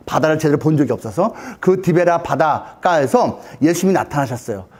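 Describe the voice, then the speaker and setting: A man telling a Bible story as a sermon, dramatic and animated, often asking the audience questions. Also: a little high, brisk, breathy edge.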